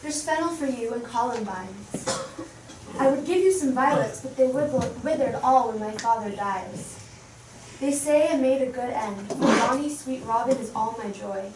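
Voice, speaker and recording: Acting in a verse drama, this woman portrays a grief-maddened young noblewoman who drifts distractedly from talk into fragments of song. Her voice is slightly high and fairly natural, at a normal pace, caught from far away in a reverberant hall with background noise.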